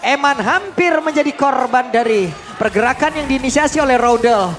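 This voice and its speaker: A man with an Indonesian accent doing excited esports play-by-play like a fighting game announcer, shouting and stretching out key words. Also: very high voice, moderate pace. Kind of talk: excited match commentary.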